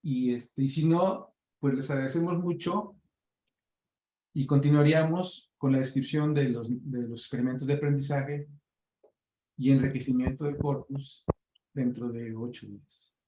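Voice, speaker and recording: Man chairing a meeting, mellow voice, echoey room, patient explainer. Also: mid-range voice, fairly even intonation, unhurried. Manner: explanatory, uses fillers like "este".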